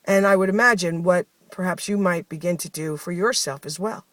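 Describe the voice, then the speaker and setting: A woman's voice: fairly low pitch, a little fast, a bit bright, no echo. Reflective woman telling a personal diary. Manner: reflective, heartfelt, conversational with many fillers. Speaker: host of a spoken daily journey series. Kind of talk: personal spoken diary, storytelling.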